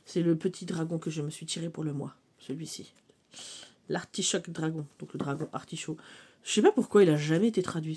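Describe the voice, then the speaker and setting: Woman, casual chat, lots of fillers, lowish voice, faint background hiss. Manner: chatty, many fillers, laughs easily. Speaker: cartomancy vlogger. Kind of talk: casual show-and-tell of oracle decks.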